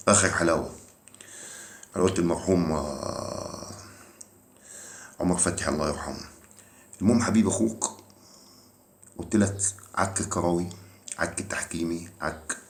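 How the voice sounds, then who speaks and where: A man with an Egyptian accent giving a heated, teasing football rant, mocking and repeating himself for emphasis. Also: sits low. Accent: Egyptian Arabic. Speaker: football commentary vlogger. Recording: echoey room.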